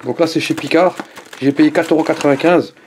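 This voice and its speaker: A man with a fairly high voice talks straight to the camera in a casual home vlog. His delivery is chatty and animated, full of exclamations and side remarks to viewers. A faint hiss sits under the recording. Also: brisk. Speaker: food reviewer YouTuber.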